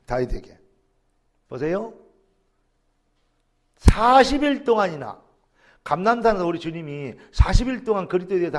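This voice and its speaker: A man preaching a sermon as pastor, acting out quoted lines and rising to shouts. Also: a little high. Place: church sanctuary.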